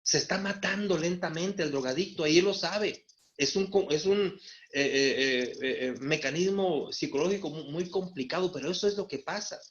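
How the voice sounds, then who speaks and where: A man's voice: fairly high pitch, moderate pace, a bit bright. A man preaching a sermon, calling his listeners brothers and acting out the words of biblical figures. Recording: dull lo-fi sound.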